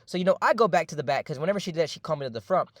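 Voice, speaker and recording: A man's voice: fairly high pitch, expressive, racing, a bit bright, no room sound, clean studio sound. A young man casually telling a story about his job, rambling, slangy and profane, with lots of fillers. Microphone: voice-over.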